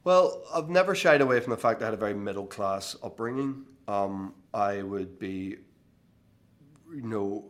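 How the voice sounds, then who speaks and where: A man in his thirties with a Northern Irish accent, a guest speaking casually in an interview with many fillers and restarts. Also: on the low side. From Northern Ireland. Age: 30s. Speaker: actor guest.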